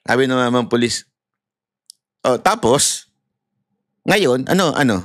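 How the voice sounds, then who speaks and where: A man's voice: unhurried, no room sound, clean studio sound. A man with a Filipino accent giving casual political commentary, laughing often and mixing in English. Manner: animated, mixes Tagalog and English, laughs often; shouts high when acting out scenes.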